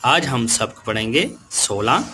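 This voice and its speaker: A man teaching an Urdu lesson to young children, speaking slowly and patiently and repeating each word. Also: medium pitch, expressive, sharp tone, slight background noise. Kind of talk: slow classroom lesson.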